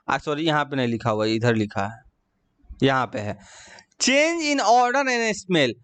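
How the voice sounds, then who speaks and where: High-voiced, crisp male chemistry teacher. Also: a bit bright, no echo. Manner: explains step by step, checks understanding often. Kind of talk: classroom lecture.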